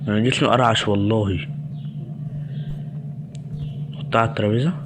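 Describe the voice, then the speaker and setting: A man's voice: fairly low pitch, fairly even intonation, rapid-fire, noisy background. A young man with an Egyptian Arabic accent giving horror game commentary, jumpy and talking back to the game, muttering prayers when scared. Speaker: gaming channel host.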